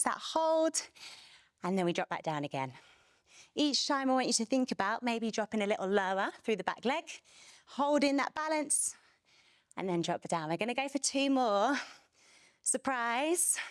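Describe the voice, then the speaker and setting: A woman's voice: mid-range voice, dry recording, studio quality. A young adult woman leading a barre workout class, energetically counting reps and cueing moves while a little out of breath. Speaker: fitness instructor.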